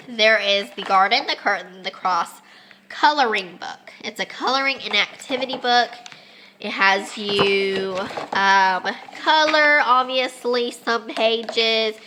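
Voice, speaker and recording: Vlogging a homeschool lesson in a family home with kids, a young mother chats slowly and casually, saying um often. Congested and losing her voice, she sounds a little high against background noise.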